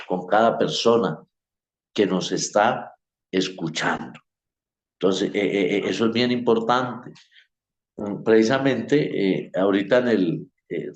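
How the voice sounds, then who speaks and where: A man teaching a homiletics class at church, speaking in a conversational way with frequent pauses and fillers. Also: on the low side, roomy sound.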